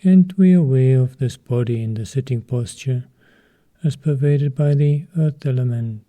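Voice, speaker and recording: Here a male meditation teacher with a mid-range voice guides the session calmly. His phrases are short and measured, with long pauses in between.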